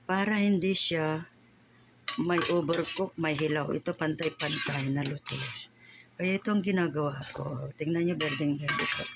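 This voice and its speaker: A woman hosting a casual home cooking vlog, talking in a slow, chatty and thankful way, her voice muffled by a face mask. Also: deep voice, heavy background noise. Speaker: home cook vlogger.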